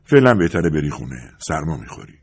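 A man's voice: extremely low pitch, very animated, a little mellow, husky, heavily acted. A man reading an audiobook, voicing a brusque, guarded young husband who speaks in short, clipped remarks. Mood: curt. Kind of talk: audiobook character voice.

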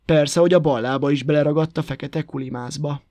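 A man narrating a folk tale as a storybook reader, with a lively, rhythmic telling on a close mic. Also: on the high side, no echo. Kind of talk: storybook reading.

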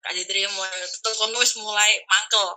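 Brief: young woman, East Javanese accent, very bright tone, animated casual storytelling. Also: mid-range voice, moderate pace, low-quality recording. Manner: animated, acts out quoted people. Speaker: guest telling her story.

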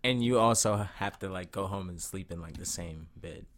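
A man with a deep, slightly bright voice speaking at normal speed co-hosts a podcast. The casual chat is full of profane, laughing banter.

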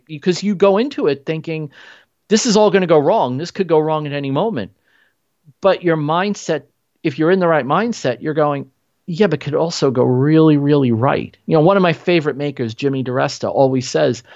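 A man's voice: on the high side, moderate pace, a little mellow, dry recording, lo-fi sound. A man talking in an earnest, motivational way in a casual podcast conversation, driving points home with repetition. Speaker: podcast guest.

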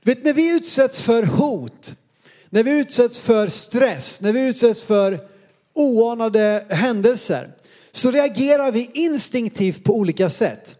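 A Swedish man in his thirties preaches a sermon full of funny, self-deprecating stories about his boyhood. His voice is very high-pitched and expressive, with a darkish tone.

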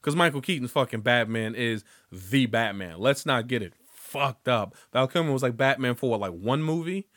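A man's voice: medium pitch, animated, normal speed, few pauses, a bit bright, no room sound, studio quality. A man hosting his own podcast, rambling loosely with lots of swearing and jokes. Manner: rambling, profane, loose and joking. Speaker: podcast host. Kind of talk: casual solo podcast monologue.

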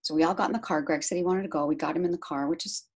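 A middle-aged woman talking about being a caregiver, chatty and animated, laughing often as she tells a story. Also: deep voice, rapid-fire, breathy edge. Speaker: guest, caregiver to her husband. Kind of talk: casual interview storytelling.

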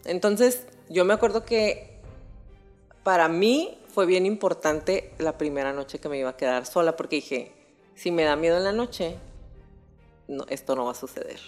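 A woman's voice: lowish voice, moderate pace, soft background music. Slangy Mexican woman telling a story. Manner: slangy, animated, swears freely. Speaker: podcast host. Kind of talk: casual storytelling.

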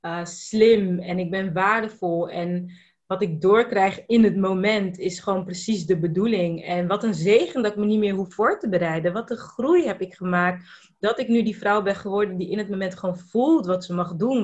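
A woman's voice: mid-range voice, moderate pace, darkish tone. A woman hosting a podcast, talking in an affirming, spiritual way while she asks her guest questions. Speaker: podcast host. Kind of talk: casual podcast chat. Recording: dull, slightly lo-fi sound.

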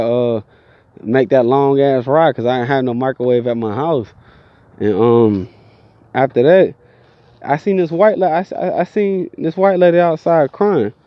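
A man in his thirties from Georgia with a Southern accent, telling a profane, slangy story in a casual, animated way. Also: medium pitch, no room sound. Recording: dull lo-fi recording.

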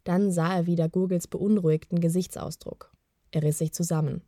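Woman narrator, lowish voice, calm even storybook read, dry booth sound. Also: moderate pace, dry recording. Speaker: audiobook narrator.

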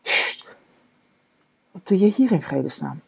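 A woman's voice: fairly low pitch, lively intonation, a little slow, creaky, slightly rough, pitched above the performer's own voice, full character voice, rough recording. Woman reading as a hard-spoken stern mayor. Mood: worried. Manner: hard and curt. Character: stern middle-aged male mayor, hard-spoken father.

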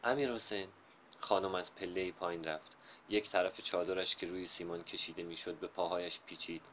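A man narrating a literary story in a measured, unhurried reading style. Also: deep voice, little pitch movement, a bit bright, a little hiss or hum.

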